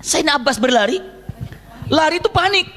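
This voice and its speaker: A man preaching by lively storytelling to mothers, animated and jokey, into a microphone. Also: extremely high pitch, fairly quick. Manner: animated, jokey, acts out scenes. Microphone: handheld microphone.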